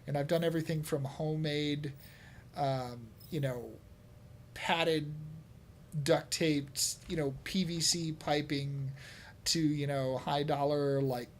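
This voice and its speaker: A man's voice: a little high, steady tone, takes it slowly, slight background noise. A man hosting a casual gaming podcast, talking in long rambling stretches with plenty of fillers and laughter. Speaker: podcast host. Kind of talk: casual chat.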